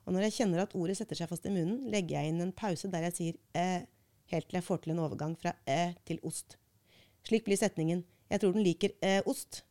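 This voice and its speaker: A woman reading a book passage aloud and talking it through in a measured, thoughtful way as a podcast host. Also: fairly low pitch, warm tone.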